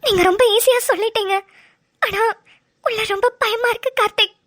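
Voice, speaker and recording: A woman's voice: very high-pitched, steady tone, brisk, a bit bright, no echo, clean studio sound, voice pushed up. A woman voicing an anxious, tearful young bride-to-be in a cartoon, with a fretful, whimpering manner. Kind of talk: cartoon voice acting.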